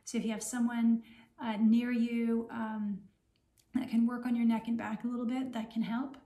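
Mellow, even-toned woman recovering from surgery. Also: fairly high pitch, moderate pace. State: recovering from recent surgery, sore. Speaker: health vlogger sharing recovery advice. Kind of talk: casual instructional vlog. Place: small home room, indoors. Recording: roomy, echoing home recording.

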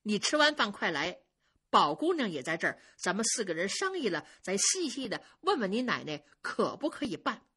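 A woman's voice: mid-range voice, sing-song, normal speed, a bit bright, slightly rough. A woman storyteller voicing a proud young noble lady who speaks in a cold, mocking way. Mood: decisive.

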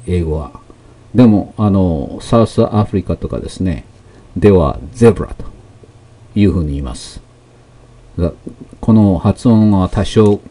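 A man gives a math lesson in a fairly low, warm, mellow voice. He explains slowly and patiently, pausing often with fillers between terms. His first language is Japanese. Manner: slow, explanatory, with many fillers and pauses. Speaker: math teacher. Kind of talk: lecture explaining technical English terms.

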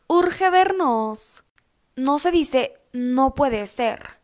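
A woman doing a prissy girl. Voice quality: high airy affected drawl, stretched words. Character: posh upper-class Mexican girl, prissy and affected. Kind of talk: comedy sketch.

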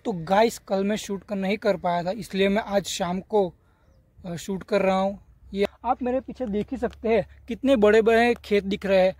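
A man's voice: high-pitched, steady tone, normal speed, darkish tone, dry recording. A young man from Gujarat talking casually to camera on a village vlog, filming himself at arm's length outdoors and pointing things out to viewers. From Gujarat, India. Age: young adult. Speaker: vlogger. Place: village lanes and fields outdoors. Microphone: camera held at arm's length.

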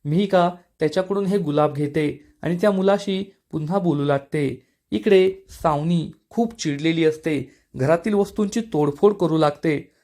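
A man giving a scripted narration that recaps a TV serial episode, telling it in a steady storytelling way. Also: a little high, normal speed.

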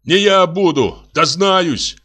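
A man voicing an agitated young man who shouts himself hoarse and tearful, in a storybook reading. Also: fairly high pitch, very animated, normal speed, soft background music, pitched above the performer's own voice. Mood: shouting. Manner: loud, voice breaking, shouting.

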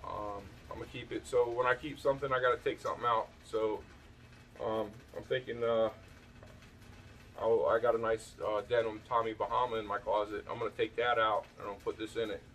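A man's voice: fairly low pitch, little pitch movement, a little fast, a bit bright, far from the mic, slight background noise. A man chatting casually as he shows his thrift finds, rambling with many fillers and restarts, outdoors on a back porch at night. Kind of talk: casual vlog show-and-tell.

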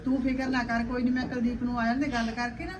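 A woman's voice: a little high, little pitch movement, fast talker, distant mic, background noise, close to an everyday voice. An actress playing a caring Punjabi mother-in-law, talking firmly and soothingly to her daughter-in-law.

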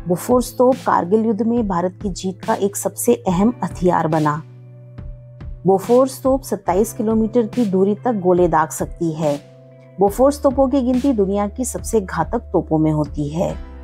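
A woman's voice: mid-range voice, warm tone. A woman narrating a travel vlog voice-over in a formal, reverent tone, often turning to the viewers as friends.

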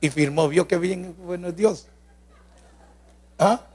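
A man preaching a sermon at a convention, fervent and storytelling, calling out to his listeners and at times bursting into shouts. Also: sits high, takes it slowly, breathy edge. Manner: fervent, tells healing stories, calls out "amén" and "hermano". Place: large hall at a preaching convention. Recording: long hall reverb.

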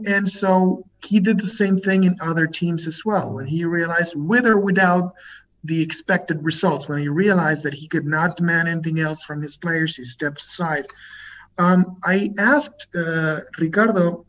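Male interpreter, slightly high voice, halting translation delivery, muffled noisy video-call sound. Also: fairly even intonation. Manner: relaying another man's answers in English as a translation, halting and piece by piece. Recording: dull lo-fi video call with loud noise.

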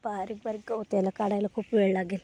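A woman's voice: medium pitch, little pitch movement, fast talker. Chatty woman touring her farm. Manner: chatty, gets loud and coaxing when feeding goats. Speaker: farm vlogger. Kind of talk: casual walk-through narration. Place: outdoors on a farm.

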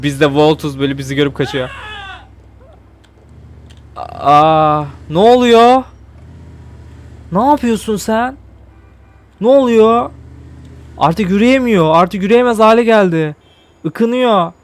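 A man's voice: high voice, measured pace, long pauses. A man giving casual gameplay commentary, pleading and apologizing to a game character. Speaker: gameplay streamer.

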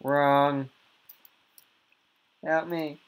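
A man giving casual, jokey gameplay commentary as a YouTuber, with sudden squeaky outbursts. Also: flat delivery, extremely slow. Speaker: gaming YouTuber.

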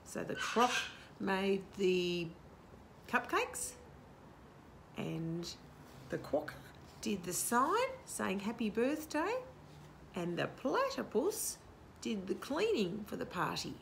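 A slow, animated older woman hosts children's storytime, reading a picture book aloud on an outdoor garden patio in a sing-song, questioning manner. Her medium-pitched voice is gravelly. Slight background noise reaches the camera a short distance away.

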